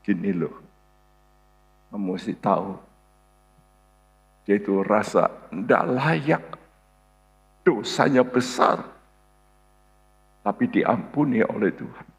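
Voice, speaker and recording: A male pastor preaching a sermon in a church hall, slow and emphatic, with sudden high exclamations. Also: vocal fry. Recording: long hall reverb, mains hum.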